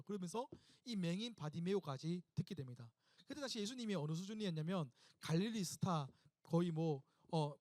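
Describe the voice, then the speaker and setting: A male pastor with a notably high voice preaches to a young congregation. He tells the story with emphatic repetition and turns again and again to the listeners with questions. The sound is dry and close. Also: no room sound. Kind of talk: sermon to a young adults' service.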